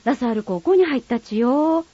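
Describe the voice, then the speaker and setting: A woman's voice: on the high side, fast, breathy edge, no room sound. A woman voicing a chatty Kagoshima local woman, talking with a neighbor in broad dialect. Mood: gossipy. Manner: broad dialect, lively and exclamatory. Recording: slightly muffled dry recording.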